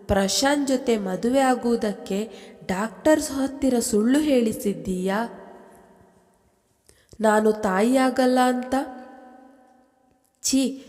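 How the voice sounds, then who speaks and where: A woman's voice: on the high side, slow, long pauses, darkish tone, long reverb tail. A woman voicing a young wife who tearfully accuses the friend who betrayed her, in a storybook reading. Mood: tearful accusing.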